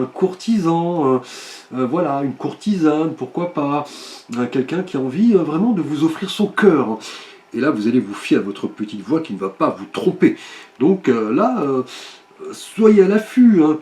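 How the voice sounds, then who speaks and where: A man giving a weekly zodiac oracle card reading, speaking to viewers directly in a hesitant, gently reassuring way, with many filler sounds. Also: on the high side, reverberant. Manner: hesitant, full of filler sounds and tag questions.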